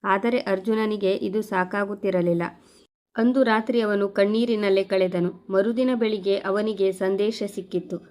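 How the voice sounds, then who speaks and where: Flat-toned woman narrating a story. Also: mid-range voice, normal speed. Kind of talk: scripted narration.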